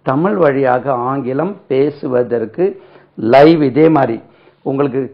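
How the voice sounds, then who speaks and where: Male teacher, Tamil accent, spells and repeats words slowly, gravelly, muffled lo-fi recording. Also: mid-range voice. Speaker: spoken English teacher. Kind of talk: classroom lesson explaining pronunciation. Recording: dull lo-fi lesson recording.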